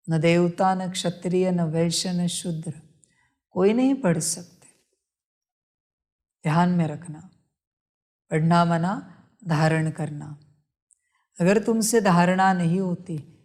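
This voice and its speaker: A woman slowly reading a devotional sermon, repeatedly addressing her listeners as children. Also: fairly low pitch, a little mellow. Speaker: spiritual teacher reading a murli.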